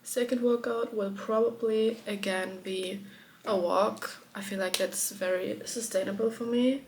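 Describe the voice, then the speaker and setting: A woman records a casual vlog while she is coming down with a cold. Her voice has a gravelly, creaky edge, and her chatty, upbeat delivery slips into near-whispers at times. A steady background hiss runs under the recording. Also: medium pitch, a little slow. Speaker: vlogger.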